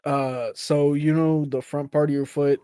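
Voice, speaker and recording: A man's voice: a little high, level tone, measured pace, dark tone, clean tone, no room sound. A man co-hosting a casual sports podcast, talking in loose, self-correcting explanations. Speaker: podcast co-host.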